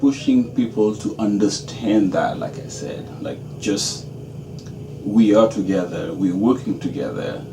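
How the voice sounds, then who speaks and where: A man from Senegal, a dance graduate student giving measured interview answers and checking in with "okay?". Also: fairly low pitch. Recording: roomy, distant and noisy.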